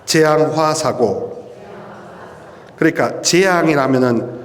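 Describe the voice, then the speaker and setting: This middle-aged priest has a slightly high voice and gives a lively, emphatic charismatic sermon, stretching out stressed words and posing rhetorical questions. He's at a prayer meeting in a church hall, where a long echo fills the large space.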